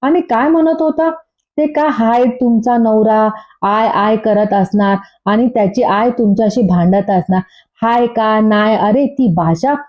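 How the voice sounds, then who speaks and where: A woman's voice: a little high, measured pace, lightly acted. A woman voicing a young wife who argues back with indignant, sarcastic retorts. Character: bickering young wife defending herself. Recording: dull lo-fi recording.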